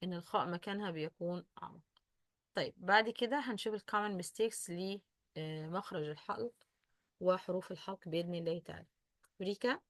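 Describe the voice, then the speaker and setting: A woman's voice: fairly low pitch, brisk, no echo, clean studio sound. A woman with an Egyptian Arabic accent teaching pronunciation, switching between English and Arabic and repeating sounds to demonstrate them. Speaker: tajweed teacher. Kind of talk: bilingual lesson, translating and explaining.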